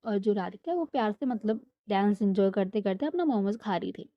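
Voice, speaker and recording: A woman's voice: medium pitch, lively intonation, a little fast, no echo. A young woman telling a romantic story in a casual, chatty way, mixing in English words. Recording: dull lo-fi dry sound.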